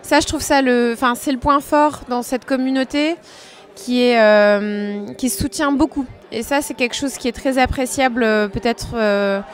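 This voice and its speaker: A French dancer answers interview questions in a loose, chatty way, her voice on the higher side for a woman. She hesitates often, filling her pauses with fillers as she thinks.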